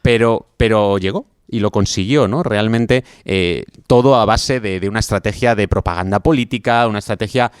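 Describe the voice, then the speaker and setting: A man with a Spanish accent, a guest historian talking through a story in a relaxed interview, with many fillers. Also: fairly low pitch, normal speed, hardly any pauses, smooth, dry recording, studio quality. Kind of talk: conversational interview.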